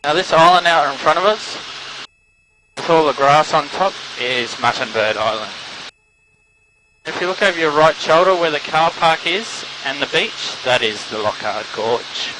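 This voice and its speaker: Man guiding through loud helicopter noise. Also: on the high side, moderate pace. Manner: informative, pointing out landmarks. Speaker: helicopter pilot and sightseeing tour guide. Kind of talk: tour commentary over a headset. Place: inside a flying helicopter. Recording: loud helicopter engine noise over intercom.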